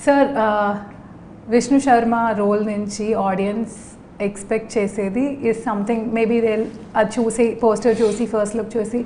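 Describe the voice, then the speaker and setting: Rapid woman interviewer with a Telugu Indian accent. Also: mid-range voice, fairly even intonation, darkish tone, a little hiss or hum, low-quality recording. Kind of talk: conversational film interview, mixing English and Telugu.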